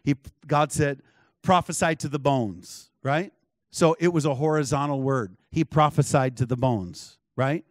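A man preaching a sermon, telling a story with lively acted-out dialogue and frequent chuckles. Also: a little high, unhurried, dry recording, clean studio sound. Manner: animated, acts out dialogue, chuckles often. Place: church.

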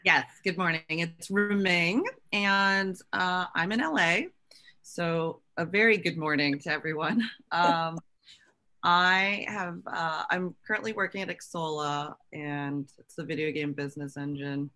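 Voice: medium pitch, steady tone, measured pace, bright, forceful tone. A middle-aged panelist introducing themselves at an online roundtable in a chatty, friendly way. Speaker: communications head, panelist.

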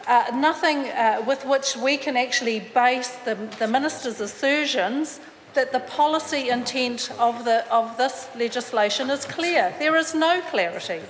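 A woman's voice: sits high, moderate pace, slight background noise. Combative New woman in parliament. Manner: combative, indignant, with many fillers and restarts. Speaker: opposition member of parliament. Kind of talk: parliamentary debate speech. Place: large wood-panelled debating chamber. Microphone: desk microphone. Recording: reverberant chamber with faint ambience.

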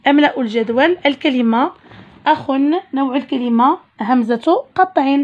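A woman teaching a primary school Arabic lesson, explaining slowly step by step and asking questions. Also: high-pitched. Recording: dull lo-fi recording.

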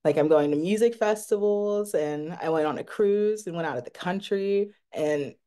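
A woman's voice: lowish voice, normal speed, mellow. A young woman speaking casually in an interview, often saying "like".

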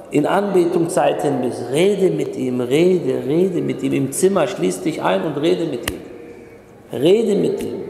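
A man's voice: sits high, vocal fry, warm tone. A man preaching a sermon, urging listeners directly and repeating himself for emphasis. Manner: emphatic, repetitive exhortation addressing listeners directly. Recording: echoey hall with long reverb.

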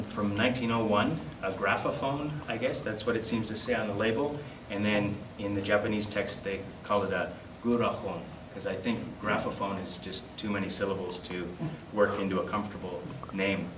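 Picking his way through his slides, a low-voiced man speaks in a steady tone, hesitating often and adding self-deprecating comments. He's addressing a collectors' society in a classroom, recorded by a distant camera in an echoey room with loud noise.

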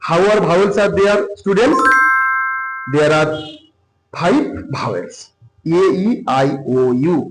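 High, lively male teacher. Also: over music. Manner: reads English rules slowly, then explains in a rising, lively way. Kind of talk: grammar lesson explaining rules. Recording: echoey room.

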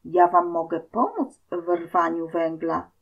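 A woman's voice: on the low side, slow pace, lo-fi sound. A woman voicing a scheming male devil disguised as a mine foreman, speaking in a sly, wheedling way.

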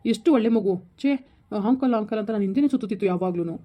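A woman performs a reassuring neighbor in a homemade village skit, stammering now and then. She speaks briskly, and the recording sounds dull and lo-fi. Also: medium pitch. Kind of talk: village family skit acting.

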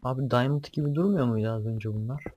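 A man's voice: mid-range voice, fast talker, lo-fi sound, slight background noise. A young man doing casual let's-play commentary, talking to himself as he explores, swearing and jumpy at scares. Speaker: gaming YouTuber.

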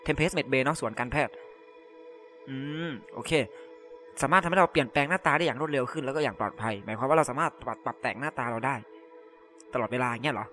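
A man's voice: a little high, pushed and bright. A man giving casual let's-play commentary. He reads in-game messages aloud and translates them on the fly, in loose, filler-heavy talk full of polite particles. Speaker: gamer translating game text.

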